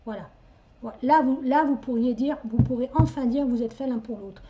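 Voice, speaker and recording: Middle-aged woman psychic, chatty and insistent, full of stutters and restarts, fairly high and mellow, on a dull lo-fi recording. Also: brisk. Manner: rambling, many hesitations and stuttered restarts; talks directly to the listener, chatty and insistent. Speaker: psychic medium. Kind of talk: casual spoken reading to viewers.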